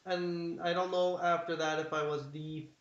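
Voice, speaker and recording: Young co-host, dry and matter-of-fact; slightly high voice, lo-fi mic in a roomy space. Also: male voice, little pitch movement, moderate pace. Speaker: podcast co-host. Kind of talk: casual chat. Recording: dull, roomy home recording.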